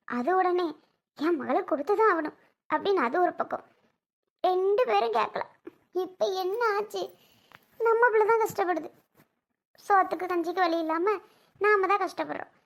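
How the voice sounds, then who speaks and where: A woman's voice: very high-pitched, lo-fi sound. A woman playing a bitter, tearful young wife. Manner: tearful, complaining and scolding. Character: bitter young wife grieving family losses.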